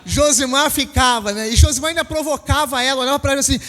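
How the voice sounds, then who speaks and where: Man, Brazilian Portuguese accent, pastor, storytelling sermon, very high voice, reverberant hall. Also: fast. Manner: storytelling, animated, acts out quotes, laughs with congregation. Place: church hall.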